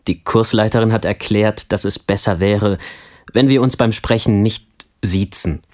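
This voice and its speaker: A man playing a friendly young family man in a language course, answering interview questions in a scripted textbook dialogue with calm, clear speech. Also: lowish voice, unhurried, natural voice. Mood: friendly, relaxed.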